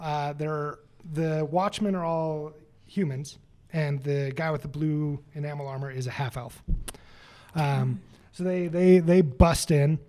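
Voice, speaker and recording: A man narrates a tabletop game as game master, chatty and upbeat. His voice sits a bit high, and his speech is loose and full of fillers. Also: steady tone, a little slow, dark tone.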